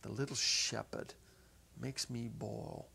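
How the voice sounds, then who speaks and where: Seated at a music stand on an indoor stage set, a middle-aged narrator performs a short story as a theatrical reading, with deliberate pauses and intensity that moves between hushed and emphatic. His mid-range voice holds a steady tone with vocal fry and a breathy edge, captured on a clip-on lapel mic.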